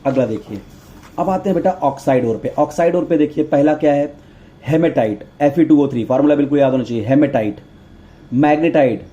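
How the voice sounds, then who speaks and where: A man's voice: medium pitch, mellow, muffled recording. A male teacher giving an exam-prep chemistry lecture, repeating terms and mnemonics and calling students "beta".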